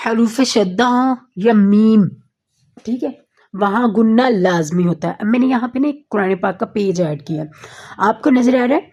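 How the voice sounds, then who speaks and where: A woman teaching an online Quran recitation lesson. She explains patiently, keeps checking in with her listeners and slows down to recite the Arabic examples. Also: medium pitch, darkish tone, breathy edge. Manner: patient, repeats points with frequent checking fillers.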